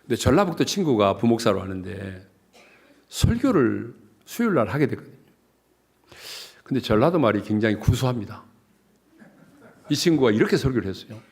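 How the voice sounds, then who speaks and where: A man from South Jeolla, Korea, preaching a revival sermon as pastor in a joking, animated way. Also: medium pitch, fairly quick, gravelly, pauses often, slightly rough.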